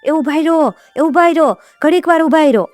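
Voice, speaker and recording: A woman's voice: mid-range voice, brisk, mellow, dry recording, faint music behind, natural voice. A woman voicing a devoted elderly servant woman, frail but determined, in a folk tale. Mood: calling out. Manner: pleading, calling out.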